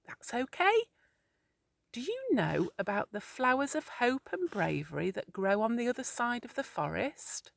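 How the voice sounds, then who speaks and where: A woman's voice: a little high, sing-song, unhurried, creaky, dry recording, studio quality, pitched above the performer's own voice, heavily acted. A woman voicing a wise, kindly woodpecker. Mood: reassuring. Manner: soft, kindly, reassuring. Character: wise gentle woodpecker, male.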